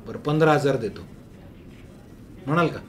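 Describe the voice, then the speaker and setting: An actor playing a smooth-talking man who coaxes a woman into testifying. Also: mid-range voice, normal speed, a bit bright, a little hiss or hum, natural voice. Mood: coaxing. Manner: coaxing, wheedling. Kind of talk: film drama.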